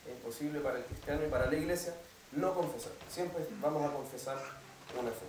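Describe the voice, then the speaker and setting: A man's voice: a little high, fast, background noise. A male pastor giving a teaching sermon in a church, explaining step by step and often checking with the congregation whether they follow. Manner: explanatory, keeps asking "¿cierto?" to the congregation. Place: church hall. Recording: echoey hall, mic at a distance.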